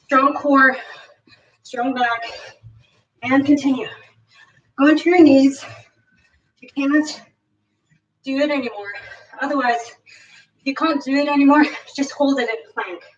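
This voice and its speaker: A woman fitness instructor leading a live workout, giving energetic, encouraging cues and counting reps, a little out of breath. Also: sits high, a little slow, long pauses. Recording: roomy, distant, dull lo-fi sound.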